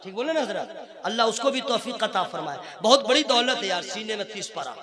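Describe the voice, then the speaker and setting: A man's voice: sits high, animated, brisk. A man preaching at a religious conference, switching between impassioned rhythmic oratory and chatty, joking asides to his listeners. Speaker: Islamic preacher. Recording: live event with audible crowd. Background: audience murmur and laughter.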